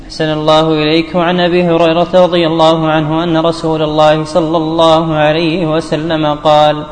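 Flat-toned male student reading in a hall. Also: a little high, brisk, slight background noise. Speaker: student reading the text aloud. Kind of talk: recitation of hadith text. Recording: distant mic with long hall reverb.

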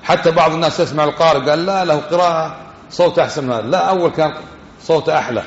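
A man giving a religious lesson, talking quickly and conversationally and putting questions to his listeners. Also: on the high side, a little hiss or hum. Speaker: religious teacher. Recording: dull, echoey hall.

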